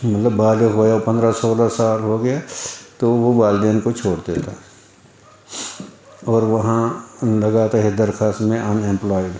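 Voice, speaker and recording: A man preaches an Islamic lecture, his dark, mellow voice carried through a roomy, echoing hall. He talks conversationally and keeps putting rhetorical questions to his listeners. Now and then he mimics how other people talk. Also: on the low side, level tone. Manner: mimics others' speech in quoted asides. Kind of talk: Urdu religious lecture.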